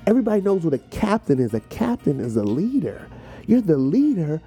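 This American man hosts a podcast in a slightly high, sing-song voice that is mellow and husky, speaking fairly quickly over faint music. Conversational and informal, he gives an emphatic motivational talk on a poem's words, repeating phrases to drive them home.

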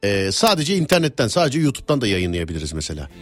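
A man's voice: fairly low pitch, rapid-fire. A man hosting a radio show in a casual, teasing, rambling way as he chats and reads out listener messages. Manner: animated, teasing, rambling conversational delivery. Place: radio studio. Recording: music bed behind the voice.

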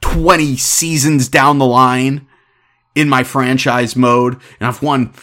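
A man in his thirties giving opinionated sports commentary as a podcast host, ranting in an animated, exasperated way. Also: medium pitch, takes it slowly. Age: 30s.

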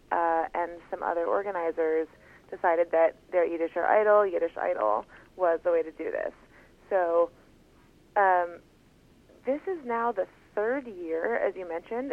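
An American woman explaining things as an interview guest, in a hesitant, measured way, over the telephone. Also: on the low side. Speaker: interview guest, contest participant. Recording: tinny phone line.

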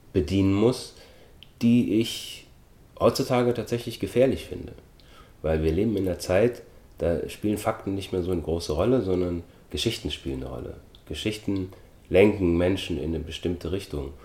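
Man, very low voice, middle-aged, measured interview talk, echoey room. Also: darkish tone. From Austria. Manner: thoughtful, measured, with frequent hesitation fillers. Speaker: actor, interview guest.

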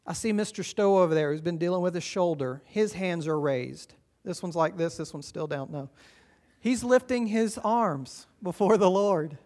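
A man preaching a sermon as pastor, earnest and encouraging, swinging between loud urging and quiet, hushed lines. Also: sits high, normal speed. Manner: earnest, encouraging, rises and drops in volume.

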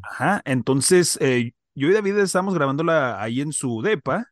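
Guy on a podcast telling a ghost story, lots of slang, kinda high voice. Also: animated, normal speed, dry recording, clean studio sound. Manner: slangy, loose reactions. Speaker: podcast co-host. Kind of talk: casual storytelling chat.

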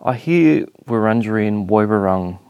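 A man hosting a podcast interview, talking in a relaxed, conversational way with the odd filler, recorded in a studio. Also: fairly low pitch, moderate pace, clean tone. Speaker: podcast host. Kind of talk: casual spoken intro and interview.

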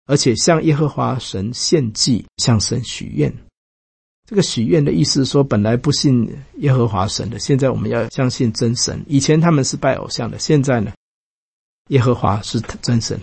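Gravelly-voiced man preaching a sermon. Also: no room sound. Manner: lively storytelling, quoting characters with raised pitch. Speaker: pastor. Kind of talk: sermon retelling Bible stories.

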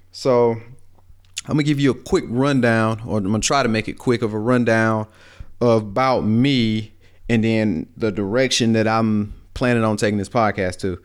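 A man's voice: mid-range voice, clean tone. A young man with a rural Alabama Southern accent, hosting a casual solo podcast in a rambling, folksy way. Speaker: podcast host.

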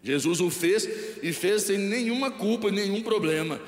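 A man with a Brazilian accent preaching a live sermon, often pausing so the congregation can finish his sentences. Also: high-pitched, lively intonation. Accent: Brazilian Portuguese. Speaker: pastor. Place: large church hall. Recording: echoey church hall with long reverb.

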